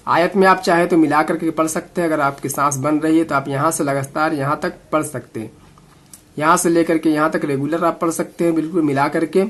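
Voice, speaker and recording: A man teaching Quran recitation, patiently explaining sounds letter by letter and chanting verses slowly between explanations. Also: fairly high pitch, fairly even intonation, a bit bright. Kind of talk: recitation lesson.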